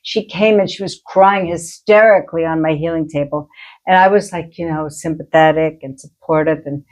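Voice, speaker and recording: A woman's voice: low voice, steady tone, normal speed, darkish tone, dull audio. A middle-aged woman, a healer and medium, chatting and telling stories, acting out the voices she quotes. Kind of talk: casual chat, storytelling.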